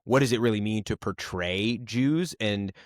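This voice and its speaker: A man with a lowish voice hosting a relaxed podcast conversation, chatty and joking, with plenty of "like"s and "uh"s. The sound is close and dry. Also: normal speed, no room sound. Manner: chatty, joking, many fillers. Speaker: podcast host. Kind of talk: casual interview chat.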